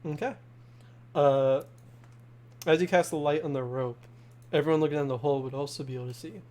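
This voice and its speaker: Guy dm narrating, kinda higher voice, lots of uh and like. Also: fairly even intonation, darkish tone. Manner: halting, descriptive, full of "uh" and "like". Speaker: game master. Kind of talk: narrating a tabletop game.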